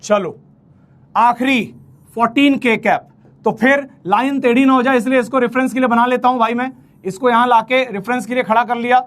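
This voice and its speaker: High-voiced man teaching math playfully. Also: fairly even intonation, moderate pace, a bit bright. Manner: chatty, playful, talks to students as "bhai"; counts steps aloud while drawing. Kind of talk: casual Hinglish math lecture.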